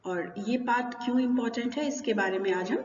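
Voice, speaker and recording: A woman's voice: on the high side, a little fast. A woman teacher with an Indian English accent, explaining in a bilingual classroom style and answering her own questions as she goes. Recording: roomy, distant, dull, slight hiss.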